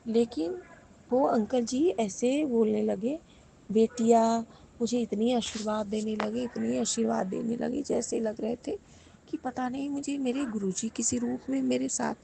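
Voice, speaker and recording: Woman, devotional testimony, heavy vocal fry, flat and level delivery, fervent thanks to her guru. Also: fairly high pitch, moderate pace, a little hiss or hum. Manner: addresses listeners directly as the congregation. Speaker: devotee sharing a testimony with the congregation.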